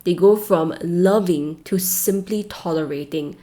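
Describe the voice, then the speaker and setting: Lower-voiced Singaporean woman giving advice. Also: unhurried, mellow. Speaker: relationship advice host. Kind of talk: scripted advice talk to camera.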